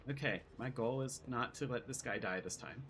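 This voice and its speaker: A man's voice: medium pitch, moderate pace, background noise. A man streaming a game, chatting casually and reading the game's text aloud with asides.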